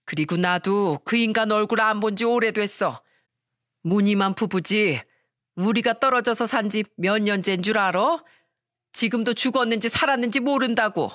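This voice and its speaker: A woman's voice: on the high side, lively intonation, unhurried, fairly bright tone, dry recording, studio quality. A woman voicing a shameless, scornful middle-aged mother-in-law in a storytelling radio reading. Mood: defiant. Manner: scornful, defiant.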